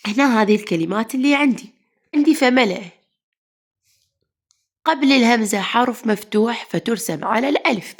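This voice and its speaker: A woman's voice: on the high side, fairly quick, pauses often, breathy edge. A woman teacher with an Iraqi Arabic accent, a little unwell, explaining a grammar lesson and asking the class questions she then answers. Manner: asks the class then answers herself, calls pupils "mama".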